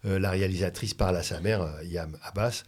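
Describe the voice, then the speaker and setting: A man born in France, a radio guest who talks reflectively and often restarts his sentences. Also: deep voice. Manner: reflective, halting with many restarts. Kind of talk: conversational radio talk.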